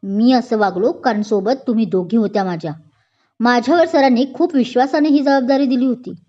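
A woman's voice: fairly high pitch, fairly quick, dark tone, close to an everyday voice. Brief: irritable young male police inspector, read by a woman storyteller, raised voice, exasperated, lo-fi. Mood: stern.

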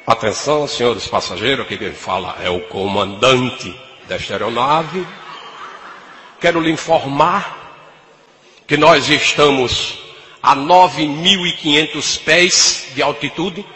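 A man mimicking an airline captain making slow, pompous cabin announcements. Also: medium pitch, pushed and bright, big-room sound, voice pushed down. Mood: droning. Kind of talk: stand-up comedy impression.

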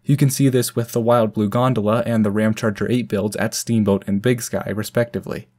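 A man's voice: lowish voice, fairly even intonation, a little fast, mellow. American man hosting a ski review. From United States. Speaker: channel host. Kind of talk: scripted voice-over narration.

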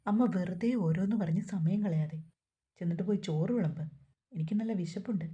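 A woman's voice: lowish voice, a little fast, warm tone, lo-fi sound, natural voice. A woman voicing a curt, short-tempered young son in a family story, snapping back at his mother. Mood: irritable.

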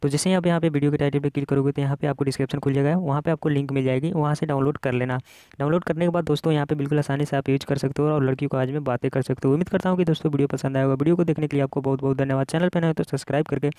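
A man's voice: fairly high pitch, steady tone, very fast, warm tone, no room sound. A man with an Indian accent hosting a casual app tutorial, explaining things step by step in a repetitive way. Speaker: tech tutorial host.

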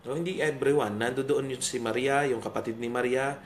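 A man's voice: mid-range voice, normal speed, a little hiss or hum. A man from the Philippines preaching a morning devotion, emphatic, with rhetorical questions and calls of hallelujah. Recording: roomy hall with faint ambience.

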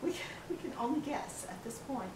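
Warm and expressive, a high-pitched older woman chats at a moderate pace while cooking a recipe in her kitchen, instructing her helper as she goes. The audio comes from a camera across the room, making it noisy, distant and echoey.

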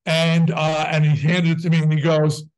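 A man in his sixties, a guest musician in a casual interview. His voice sits slightly high, and he tells anecdotes briskly and drops dry, deadpan jokes. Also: smooth, low-quality recording.

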